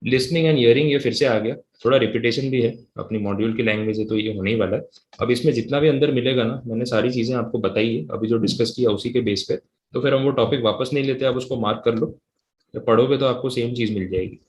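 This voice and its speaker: Guy teaching a live class, chatty explaining then slow dictation, kinda echoey room, mid pitch. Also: muffled recording. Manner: reads definitions slowly and dictates them word by word; switches between conversational talk and English reading.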